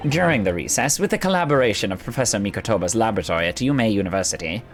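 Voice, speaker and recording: A man's voice: lowish voice, expressive, racing, soft background music. A man streaming a story game, chatting casually and jokingly, tripping over words as he reads lines aloud. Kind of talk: casual let's-play chat, reading game lines.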